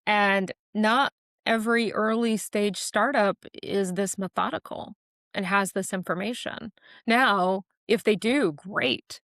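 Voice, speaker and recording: A woman podcast guest talking casually, explaining ideas with quick made-up examples. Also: mid-range voice, steady tone, a bit bright, no room sound, studio quality. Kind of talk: casual interview talk.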